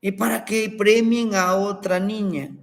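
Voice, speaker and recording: A man's voice: sits high, fairly even intonation, measured pace, gravelly. A man doing an upset, complaining granddaughter. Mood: indignant. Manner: complaining, aggrieved. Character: upset, indignant young granddaughter.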